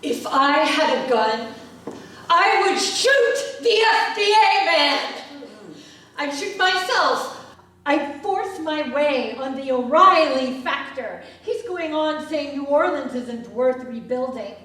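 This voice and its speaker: A woman's voice: high voice, animated, slow, fairly bright tone, exaggerated voice. A woman actor playing an enraged, bitter woman, with fierce, repeating rhetorical lines in a stage monologue. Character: enraged grieving New Orleans woman, bitter. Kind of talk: theatrical monologue. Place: theater stage. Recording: echoey stage from a distant mic.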